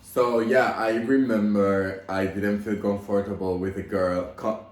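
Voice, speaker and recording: A man's voice: lowish voice, flat delivery, measured pace. A young man casually telling a story time at home, rambling with lots of "like" fillers and emotional gushing. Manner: rambling, heavy use of "like" fillers. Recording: roomy echo.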